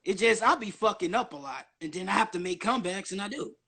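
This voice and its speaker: A man's voice: high voice, animated, quick pace, gravelly, sharp tone, breathy edge. A man in his early twenties rambling nonstop on a casual livestream, slangy and full of swearing. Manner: profane, slangy. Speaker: guest on a social media live stream.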